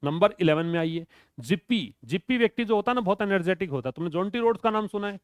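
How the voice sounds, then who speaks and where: A man's voice: high-pitched, animated, fast talker, dry recording, studio quality. A male teacher giving an exam vocabulary lesson, asking questions and answering them himself in a drilling way.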